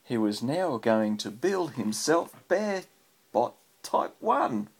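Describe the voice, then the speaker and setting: Recorded at home on a handheld phone with faint background noise, a father reads a children's story aloud to his child and chats between passages with encouraging questions. His mid-range voice is creaky and slow, with big pitch swings.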